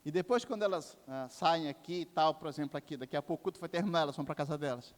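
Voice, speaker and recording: Older Brazilian male pastor, fervent preacher, a bit high-pitched, church hall reverb. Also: racing. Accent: Brazilian Portuguese. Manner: impassioned preaching with sweeping rises and drops. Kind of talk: sermon. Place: church sanctuary.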